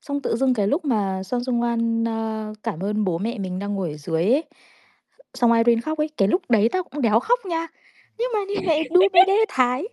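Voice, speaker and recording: A woman's voice: a little high, animated, a little fast, warm tone, no echo, clean studio sound. Rambling, crude woman in her thirties. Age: 30s. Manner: crude, rambling, self-mocking, many restarts. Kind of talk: casual chat.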